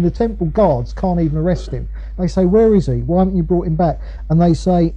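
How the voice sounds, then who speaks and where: A man's voice: fairly high pitch, mellow, muffled recording. A man with an Essex accent preaching in a conversational, emphatic way, repeating key phrases and acting out the arguments he quotes. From Essex, England. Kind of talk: conversational expository sermon.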